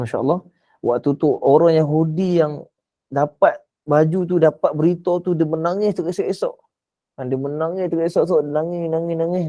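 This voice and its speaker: A man's voice: fairly high pitch, warm tone. A man from Malaysia giving an afternoon religious talk as a teacher, telling a story animatedly with rhetorical questions and repetition.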